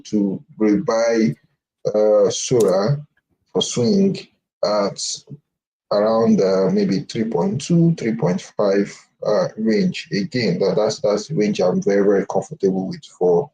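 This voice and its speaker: A man's voice: fairly low pitch, mellow, rough recording. A man on a video call, talking through trades in a loose, casual market discussion, often restarting and ending on "right?". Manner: loose talk with frequent restarts and "right?" tags. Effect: voice heard over a video call.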